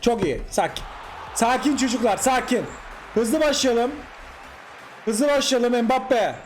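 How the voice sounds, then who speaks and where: A man with a Turkish accent giving excited, animated commentary while playing a football video game, repeating short cries at the screen. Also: extremely high pitch, slow pace, slight background noise. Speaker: gaming YouTuber. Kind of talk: excited live gameplay commentary.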